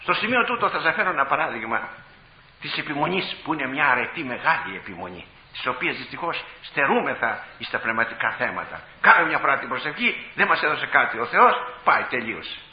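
A man preaching a dramatic sermon as a bishop, rising to loud exclamations and dropping to hushed tones, recorded in a church. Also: medium pitch, very animated, reverberant, highs cut off.

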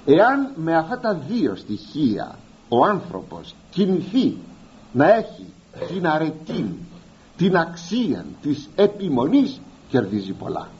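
Animated man preaching an emphatic sermon. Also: fairly high pitch, highs cut off. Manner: emphatic, slowly drawing out key words; addresses listeners directly as "beloved".

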